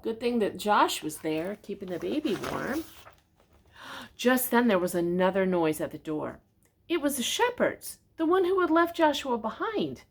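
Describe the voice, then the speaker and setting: With a pitch on the high side and a moderate pace, an older woman gently and expressively reads a children's story. She often pauses to address her little listeners with questions.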